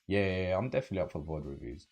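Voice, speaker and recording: A young man with a London accent chatting casually with viewers on a livestream, relaxed and rambling with many fillers. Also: low-pitched, racing, husky, faint music behind. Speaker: streamer.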